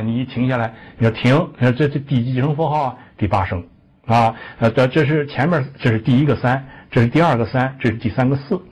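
A man's voice: mid-range voice, darkish tone, husky. A man teaching a Buddhist dharma lecture, explaining patiently with many "ah" fillers and rhetorical questions, on a muffled lo-fi recording.

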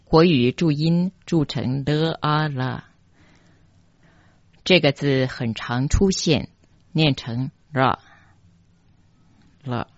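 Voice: medium pitch, slow pace, long pauses, dry recording. A teacher with a Taiwanese Mandarin accent gives a step-by-step pronunciation lesson, spelling out each syllable and repeating it. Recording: dull, dry, lo-fi recording.

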